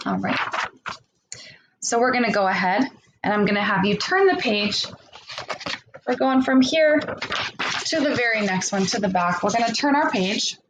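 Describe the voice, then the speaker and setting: Slow, deliberate woman teaching phonics to children. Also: mid-range voice, background noise. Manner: slow, deliberate enunciation with word sounds pronounced separately; encouraging, prompting with questions and pauses. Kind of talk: remote phonics lesson for young children.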